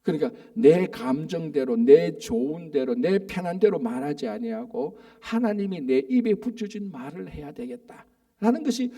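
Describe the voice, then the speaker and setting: A middle-aged pastor preaches a dawn sermon in church. His voice is warm and mellow, pitched a little high for a man. He reads scripture slowly and deliberately, then presses his points home and asks the congregation to agree. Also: vocal fry, distant mic.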